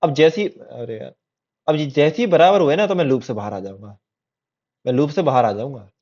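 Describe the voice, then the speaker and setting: Fairly quick and animated, this tutor's mid-range voice has a darkish tone as he explains code. He chats, repeats points, and checks in with "theek hai" again and again. The lo-fi recording is dull.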